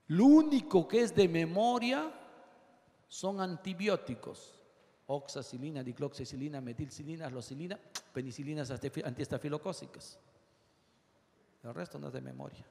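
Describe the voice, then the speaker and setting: A male surgeon lectures students in a lively, rapid manner, rattling off lists of diagnoses. His voice sits a bit high. The sound carries a long hall reverb. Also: gravelly. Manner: animated, rapid lists, acts out patients. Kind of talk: medical lecture.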